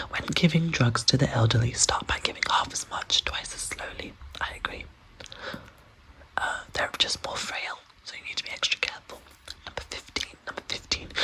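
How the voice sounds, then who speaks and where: Bright, breathy whispered ASMR reading. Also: mid-range voice, rough recording. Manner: softly repeats words and phrases. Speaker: ASMR host reading a medical handbook aloud.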